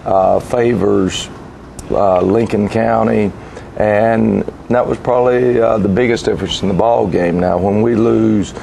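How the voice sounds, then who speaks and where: Guy coach recapping a game, halting, mellow creaky voice, bit of background noise. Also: on the low side, steady tone. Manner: halting, deliberate. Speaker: football head coach. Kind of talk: unscripted post-game commentary.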